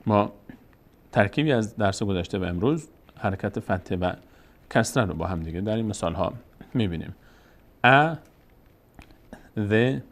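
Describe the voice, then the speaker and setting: Man, Tajik accent, lowish pitch, Quran reading teacher, slow patient repetition of sounds. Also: gravelly. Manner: slow and patient, drawing out each sound and repeating it. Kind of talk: recorded lesson.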